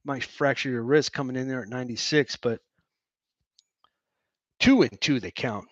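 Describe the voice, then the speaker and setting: Brief: irreverent man doing excitable fan play-by-play, dull lo-fi sound. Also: mid-range voice, moderate pace, no room sound. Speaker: host of a fan watch-along broadcast. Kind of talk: joking play-by-play commentary.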